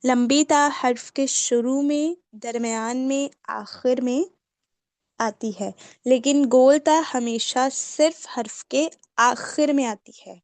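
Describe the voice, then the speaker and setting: A woman's voice: high voice, darkish tone, no room sound. A woman with a Pakistani Urdu accent helping run an online class, calling on students by name, asking short questions and summing up the lesson. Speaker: class assistant teacher.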